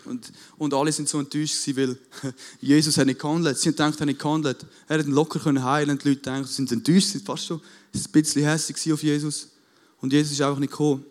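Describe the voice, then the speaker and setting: A man preaching a sermon on a church stage with a band waiting, fervent and casual, dropping English buzzwords and rising to loud appeals. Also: a little high, flat delivery, racing.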